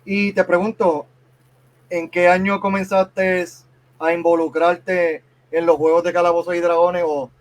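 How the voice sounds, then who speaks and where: A man's voice: sits high, flat delivery, measured pace. A man hosting a podcast interview, speaking formally with hesitant fillers. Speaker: podcast host.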